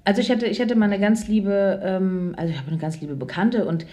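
This podcast co-host is a woman with a warm, mid-range voice who talks a little fast. She tells personal stories in relaxed conversation, constantly tagging her sentences with "ne?" and "so".

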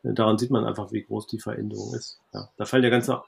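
A man talking as a podcast guest in a relaxed interview, thinking aloud with many fillers and restarts. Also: lowish voice, fast, gravelly, husky. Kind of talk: conversational interview.

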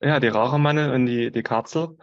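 A man's voice: mid-range voice, normal speed, highs cut off. A man born in Franconia to an East German family, interviewing in casual conversation and chatting with personal anecdotes.

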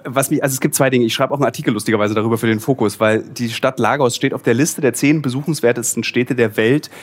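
A man's voice: medium pitch, fairly even intonation, quick pace. A man hosting an interview podcast from a small office, chatting casually with wry, self-deprecating asides. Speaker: podcast host and journalist.

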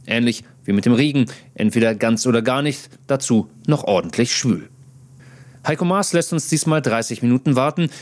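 A man in his thirties narrates his own video diary as a foreign correspondent. His humor is dry and self-mocking, with wry asides. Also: mid-range voice.

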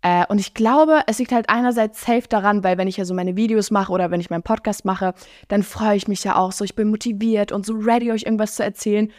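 A nineteen-year-old woman hosting her podcast, chatting in an excitable, bubbly way and mixing in English slang. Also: medium pitch, quick pace, no room sound, studio quality. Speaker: podcast host. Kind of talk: casual chat.

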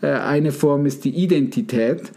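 A man hosts a podcast in a casual coaching style, stringing together rhetorical questions for his listeners. His voice sits a little high for a man yet sounds dark and mellow. He addresses the audience affectionately. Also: normal speed. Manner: addresses listeners warmly as "ihr Lieben". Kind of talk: casual podcast talk on mindset.

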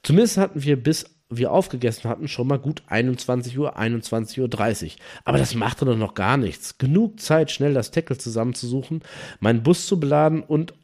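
A man hosting a podcast, telling a personal anecdote in an animated, slangy way and talking straight to his listeners. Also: medium pitch, a little fast. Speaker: podcast host. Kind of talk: storytelling podcast narration.

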